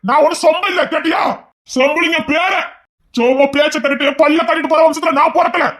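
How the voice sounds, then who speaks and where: A woman's voice: sits high, steady tone, brisk, a bit bright. A woman voicing a hot-tempered middle-aged man, a maternal uncle who blusters, threatens and boasts about his family line in an audio family drama. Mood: threatening.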